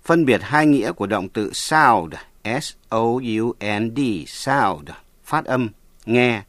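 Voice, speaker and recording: A man hosting a radio English lesson, reading a scripted bilingual lesson and spelling out words slowly and carefully. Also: mid-range voice, expressive, a bit bright, no echo. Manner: slow, careful spelling and pronunciation drills. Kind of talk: scripted bilingual teaching narration.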